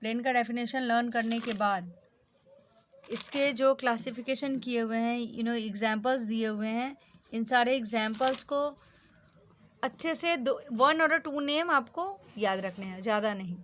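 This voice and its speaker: A woman with a fairly high voice teaches an exam-focused lesson in a brisk, instructive way. She slips English terms into her explanations as she tells students what to learn. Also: a bit bright, a little hiss or hum.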